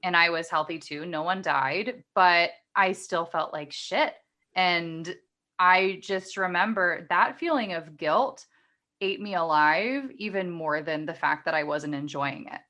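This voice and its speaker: A woman's voice: lowish voice, measured pace, sharp tone. A woman hosting a podcast, speaking earnestly and with empathy. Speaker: podcast host. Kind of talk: casual chat.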